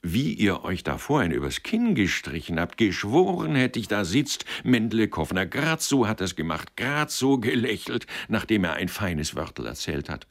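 A man's voice: fairly low pitch, normal speed, hardly any pauses, voice pushed up. Man doing a proud old beggar storyteller. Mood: excited. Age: older. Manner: boastful, lively.

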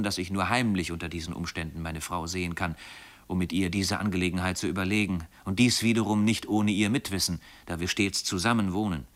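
A man with a lowish voice reads classic literature aloud as an audiobook narrator. His storytelling is steady and expressive, paced as scripted narration.

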